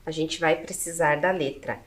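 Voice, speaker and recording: A woman's voice: low-pitched, steady tone, moderate pace. A Brazilian woman teacher with a Brazilian Portuguese accent, patiently spelling out letters and syllables one by one in a video lesson.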